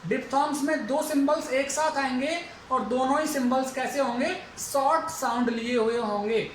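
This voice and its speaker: A male English lecturer giving a phonetics lesson for exam students, who repeats each example word slowly several times. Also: very high-pitched, steady tone, a bit bright. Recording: echoey room, faint background noise.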